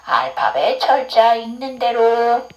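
A woman's voice: fairly high pitch, big pitch swings, takes it slowly, highs cut off. A woman English teacher giving an online phonics lesson, explaining patiently and asking her students questions.

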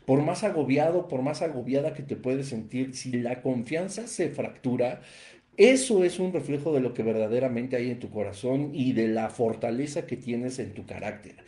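A man's voice: mid-range voice, animated, moderate pace, dark tone, reverberant. A man preaching a Bible teaching, emphatic and repeating phrases for stress. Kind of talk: sermon-style Bible teaching.

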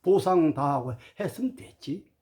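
High, lively-voiced man preaching emphatically. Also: moderate pace. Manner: emphatic, swings between formal address and blunt casual speech; lecturing, rhetorical questions. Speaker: spiritual teacher addressing viewers. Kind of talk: preachy spoken monologue.

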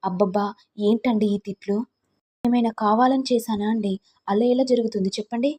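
A woman's voice: on the high side, steady tone, a little fast, warm tone, slightly rough. A woman voicing a young husband who protests his innocence and explains himself step by step. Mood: defensive.

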